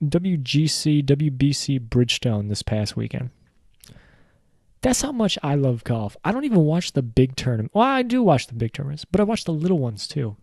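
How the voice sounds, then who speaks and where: A man's voice: fairly high pitch, darkish tone, dry recording, studio quality. A man hosting his own show, rambling through a casual solo rant, joking around and swearing freely. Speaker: podcast host.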